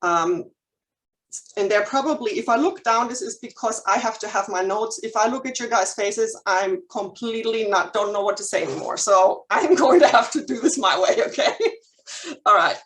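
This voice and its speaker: Speaking at normal speed with lively intonation, a woman in her forties with a German accent addresses a live chamber of commerce audience in a mid-range voice. She's a licensed counselor, candid and nervously humorous, with frequent ums and restarts.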